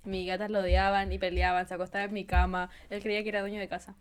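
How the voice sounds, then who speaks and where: A woman's voice: mid-range voice, smooth. A young woman with a Chilean accent, telling anecdotes in a casual podcast chat. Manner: fast, animated storytelling. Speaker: podcast co-host.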